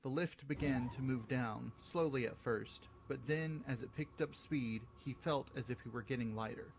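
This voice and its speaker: A man narrating his own science fiction story in a steady reading voice. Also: medium pitch, moderate pace, a little hiss or hum. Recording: soft music behind.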